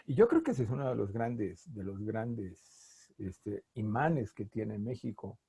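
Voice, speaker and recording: A middle-aged man with a Mexican accent, a linguist being interviewed, talking in a playful, animated way. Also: fairly low pitch, takes it slowly, vocal fry, slightly rough, no room sound, studio quality. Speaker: linguist guest. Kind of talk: conversational interview.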